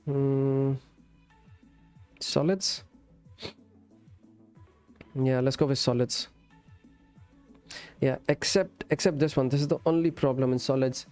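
A man speaks slowly with long pauses in a steady, mid-range, darkish voice during a relaxed live-stream while gaming. Friendly throughout, he addresses viewers as friend and brother and alternates English and Urdu, with music in the background of his indoor setup.

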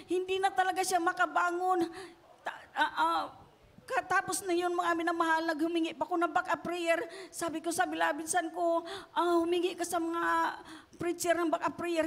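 A woman's voice: very high-pitched, fairly bright tone, big-room sound. A middle-aged woman from the Philippines, giving a tearful testimony to a church congregation and often breaking into praise. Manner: repeats a fond address to the congregation, tearful at times.

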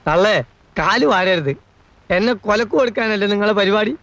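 An actor playing a nervous, fussy middle-aged household helper, giving anxious, secretive warnings. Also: male voice, high-pitched, lively intonation, normal speed, a bit bright, no echo. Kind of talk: film dialogue.

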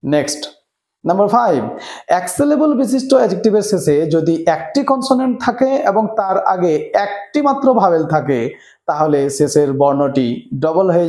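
A man teaches grammar in a fairly high voice, speaking straight to his students. He walks through each rule step by step. The room around him is echoey. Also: animated, normal speed, darkish tone. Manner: explains step by step, addressing students directly. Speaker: English teacher. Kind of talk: classroom grammar lesson. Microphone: camera mic, presenter on screen.

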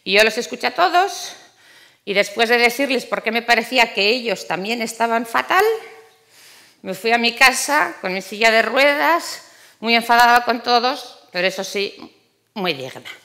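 A woman's voice: fairly high pitch, moderate pace, pushed and bright. Brief: middle-aged woman from Spain, ironic first-person stage monologue, repeats words for effect. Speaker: speaker giving a monologue. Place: theater stage.

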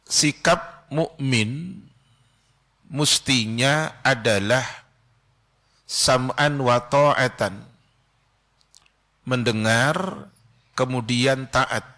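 A middle-aged man giving a Friday sermon from a mosque pulpit, slow and measured, with quick Arabic recitation. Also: mid-range voice, bright, forceful tone. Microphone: stand mic close to mouth.

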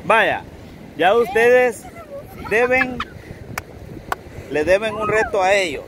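A man with a Salvadoran accent hosting an outdoor TV game, teasing and giving instructions in a casual, lively way. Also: high voice, takes it slowly, background noise. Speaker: TV game host. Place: outdoors on a sandy shore.

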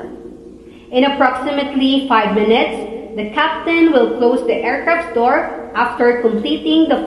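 A young woman makes a formal airport-style announcement in a fairly high voice. She speaks in the measured, scripted way of a flight attendant. The sound is very echoey, with faint noise behind her. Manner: formal, measured public-address delivery. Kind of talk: scripted airport and cabin announcement, like a boarding call.

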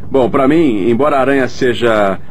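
A man's voice: medium pitch, normal speed. A man in a dubbed documentary interview, speaking hesitantly and searching for words. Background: music.

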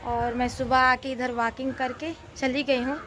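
A woman's voice: sits high, level tone, normal speed, fairly bright tone, slight background noise. Chatty young woman vlogging at home. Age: 20s. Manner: chatty, shows things to viewers. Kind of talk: casual home vlog chat. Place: home kitchen and rooftop.

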